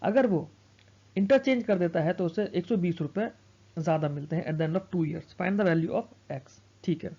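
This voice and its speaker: A man's voice: sits high, dark tone. Male exam coach, talks himself through calculations; muffled lo-fi recording. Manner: works sums aloud, asks and answers himself. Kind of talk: math lesson.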